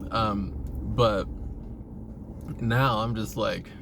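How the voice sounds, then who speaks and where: Talking very slowly in a fairly low, steady voice, a male vlogger rambles on about his own life, swearing freely and laughing softly now and then. Vehicle-like ambient noise is clearly audible in the recording.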